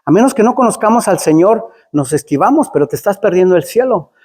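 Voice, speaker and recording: A man's voice: high-pitched, expressive, quick pace, darkish tone, breathy edge. A man preaching a sermon in a church, chatty and storytelling, often asking "right?". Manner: conversational, storytelling with frequent "¿verdad?". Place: church hall. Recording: long hall reverb.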